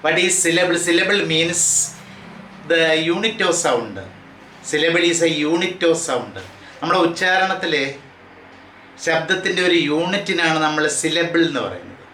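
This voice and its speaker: A man teaching English grammar to exam students. He reads rules out slowly and drills word forms one by one. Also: on the high side, expressive, bright, forceful tone, roomy sound, a little hiss or hum, low-quality recording. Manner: reads English rules out slowly, then explains them at a quicker pace. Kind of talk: classroom lecture for exam students.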